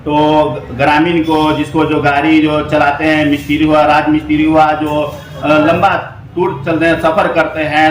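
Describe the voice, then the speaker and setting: Male local reporter, rambling interview questions, somewhat raised pitch, faint background noise. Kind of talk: on-location interview. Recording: echoey room with faint noise.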